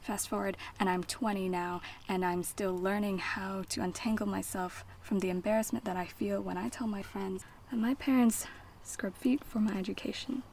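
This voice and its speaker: A twenty-year-old woman from the United States performing spoken word poetry with a rhythmic, dramatic delivery and repeated refrains, often breathy and half-whispered. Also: mid-range voice, steady tone, normal speed, a little mellow, slight background noise, low-quality recording. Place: banquet event.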